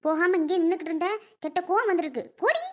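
A woman playing an angry, bossy housewife who scolds the household in sharp commands. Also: very high-pitched, rapid-fire. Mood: irritated.

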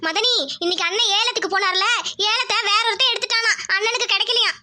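A woman's voice: extremely high pitch, quick pace, very noisy. A woman voicing an anxious village mother. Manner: anxious, pleading. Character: worried middle-aged mother and wife.

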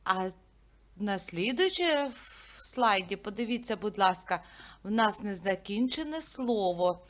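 A woman teacher leading a literacy lesson for young children. She asks questions, waits for answers and says words slowly and clearly, sound by sound. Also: medium pitch, lively intonation, fairly bright tone. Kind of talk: early-years literacy lesson.

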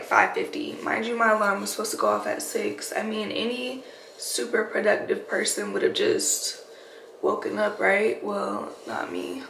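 In a creaky, slightly bright, medium-pitched voice, a working mom who just got up vlogs sleepily to her viewers. Phrases get repeated for emphasis, and the recording has echo and faint noise.

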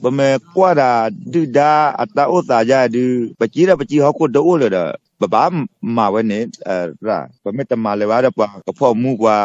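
A man co-hosting a casual chat, talking in long, rapid, run-on stretches. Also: mid-range voice, expressive, a little mellow, no echo, muffled recording.

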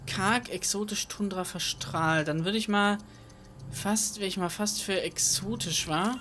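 A woman's voice: mid-range voice, measured pace, a bit bright, a little hiss or hum. A woman commenting casually on her own gameplay at home, chatty and self-mocking, thinking aloud with many fillers. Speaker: let's play host. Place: home room at night. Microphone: desk microphone.

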